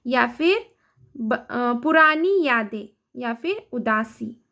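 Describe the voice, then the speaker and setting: A woman's voice: on the high side, animated, drawn-out words, gravelly, sharp tone. A woman teaching English vocabulary, saying each word twice before giving its meaning, and often checking in with the listener. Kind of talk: vocabulary lesson.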